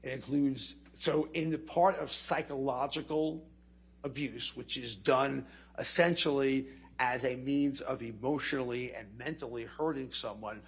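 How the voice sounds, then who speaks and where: Male expert witness, courtroom recording; husky, gravelly voice, measured delivery. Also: medium pitch, fairly even intonation. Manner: measured, explanatory, lists terms one by one. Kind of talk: courtroom testimony.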